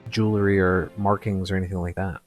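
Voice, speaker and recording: Halting game-master man, low voice. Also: level tone, soft background music. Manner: halting, filler-heavy. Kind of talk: narrating a tabletop game.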